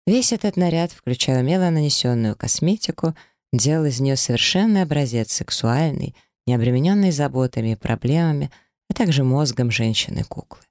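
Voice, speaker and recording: A narrator reading a first-person novel aloud, ironic and expressive. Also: mid-range voice, a little fast, dry recording, clean studio sound. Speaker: audiobook narrator.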